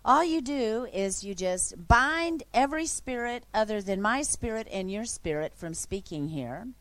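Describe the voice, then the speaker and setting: A woman preacher voicing God as a calm, patient male deity, asking slow, measured questions. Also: fairly high pitch, no echo. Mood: reassuring.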